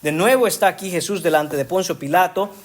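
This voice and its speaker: A man's voice: high-pitched, fairly quick. A man preaching a sermon as a pastor, speaking emphatically and often addressing the congregation as brothers. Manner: emphatic, rising to strong stresses on key words.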